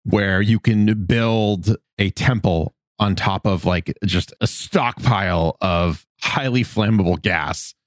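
A man with a very deep voice co-hosts a podcast, chatting with easy enthusiasm and plenty of filler words. The recording is dry and close, with no room sound. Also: slow, hardly any pauses, no room sound. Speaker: podcast co-host. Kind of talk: casual chat.

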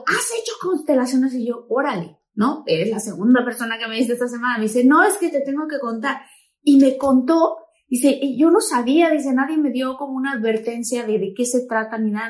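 Expressive Mexican woman, slightly high voice. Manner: expressive, exclaims and retells quotes. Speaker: podcast co-host. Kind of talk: casual chat.

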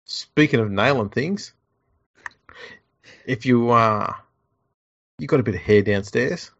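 A man's voice: mid-range voice, takes it slowly, creaky, a bit bright, lo-fi sound. An Australian man co-hosting a podcast in casual chat, with a laconic, slangy drawl. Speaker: podcast co-host.

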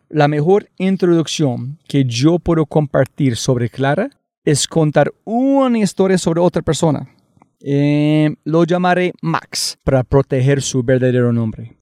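A man hosting a podcast, reading an energetic intro with sudden leaps in pitch for emphasis, then starting an interview. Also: no room sound, clean studio sound. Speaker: podcast host.

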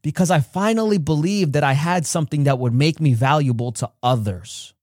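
A man speaks earnestly as he hosts a podcast and tells a story about himself. His voice sits a little high, and he leaps in pitch when he acts out quotes. The recording is dry, with no room echo. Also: fairly quick, a little mellow. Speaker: podcast host. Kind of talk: personal storytelling monologue.

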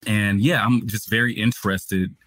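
Speaking at a normal speed with a steady tone, a man in his twenties hosts a podcast and reflects candidly and openly on his personal life. His voice sits lowish and a bit bright, and the recording has no room sound.

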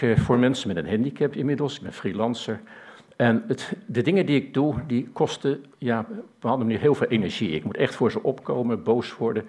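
A man's voice: medium pitch, a little mellow, breathy edge. A man telling a personal story in a plain, conversational way, with frequent hesitations and restarts. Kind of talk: personal story told to an audience.

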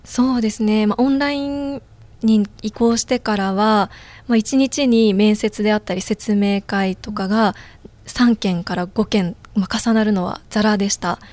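A woman in her twenties, a guest on a podcast interview, telling her story in a measured way with many small fillers. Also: medium pitch, fairly even intonation, a little mellow, no echo. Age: 20s. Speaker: guest job seeker.

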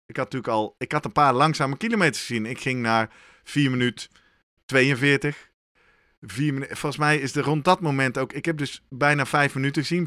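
A man's voice: medium pitch, bright, forceful tone, dry recording, studio quality. A man on a podcast telling a story in casual chat, animatedly acting out his own thoughts.

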